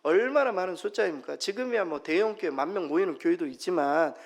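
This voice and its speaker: A man preaching a Sunday sermon as pastor, emphatic, moving between loud exclamations and soft near-whispers. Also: sits high, lively intonation, fast, gravelly. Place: church sanctuary. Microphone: microphone.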